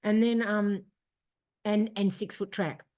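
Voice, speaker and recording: A woman's voice: mid-range voice, level tone, slow, darkish tone. An Australian woman co-hosting a running podcast, chatting casually in a blunt, emphatic way. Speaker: podcast co-host. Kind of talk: casual chat.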